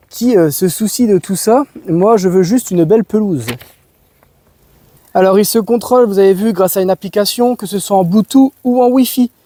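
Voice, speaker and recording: A man's voice: high voice, warm tone, no echo. A man from France giving a casual, enthusiastic product demo in his garden, full of slang. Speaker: home and garden vlogger. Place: outdoors in a garden.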